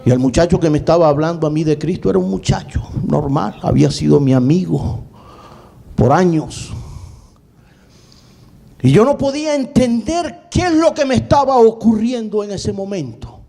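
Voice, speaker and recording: Man, pastor, sermon testimony, high voice, mellow dark tone, dramatic, repeats words. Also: expressive, creaky. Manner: dramatic storytelling, repeats words, swings between fast and drawn-out.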